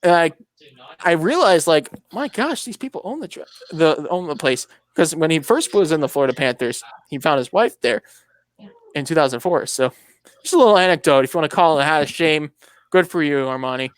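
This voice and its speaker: A man's voice: fairly high pitch, lively intonation, a little fast, no echo. A man hosting a casual motorsport podcast, talking in a rambling, anecdotal way with many restarts. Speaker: podcast host.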